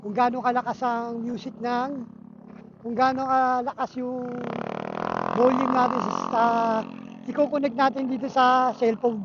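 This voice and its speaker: Riding through traffic outdoors, this Filipino motovlogger talks in a relaxed, halting way into a Bluetooth helmet intercom microphone. The voice is medium in pitch with huge swings, and the muffled intercom audio is swamped by loud road and vehicle noise.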